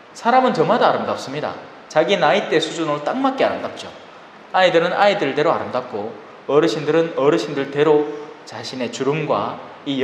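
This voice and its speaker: Lively priest lecturing in an echoey hall. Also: male voice, on the high side. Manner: lively and conversational, addresses listeners directly; acts out everyday people in quick voices. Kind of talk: Bible lecture in a sermon manner. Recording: roomy reverberant hall with faint ambient noise.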